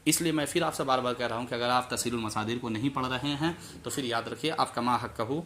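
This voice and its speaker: A man's voice: medium pitch, fast talker, a bit bright, slight background noise. A man teaching a Persian grammar lesson, saying each word and its meaning over and over as a drill.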